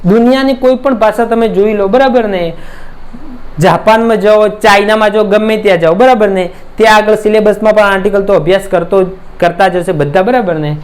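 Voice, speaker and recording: A man's voice: high-pitched, fairly quick. A man with a Gujarati accent teaching an English grammar lesson, patiently explaining with examples and often asking "right?". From India. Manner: keeps asking "right?" to check understanding; addresses students as friends, explains patiently with examples.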